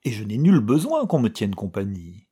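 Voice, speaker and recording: A man voicing an earnest, kind young woman who speaks gently and pleadingly. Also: on the low side, huge pitch swings, moderate pace, breathy edge, full character voice. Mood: puzzled.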